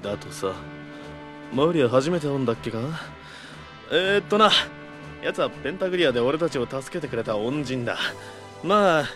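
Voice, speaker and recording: An actor playing a rough, brash but caring young man in an audio drama, with blunt, slangy speech. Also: medium pitch, lively intonation, moderate pace, pauses often, over music, close to an everyday voice. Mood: wry. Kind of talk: Japanese audio drama acting.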